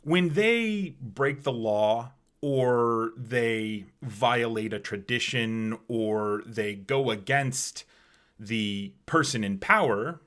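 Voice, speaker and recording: A man's voice: medium pitch, fairly bright tone. A man giving opinion commentary as a political pundit, scornful and emphatic.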